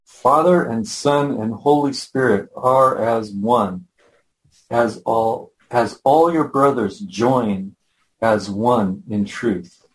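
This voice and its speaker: A man reading a passage aloud to a study group in a measured, even way. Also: medium pitch, low-quality recording.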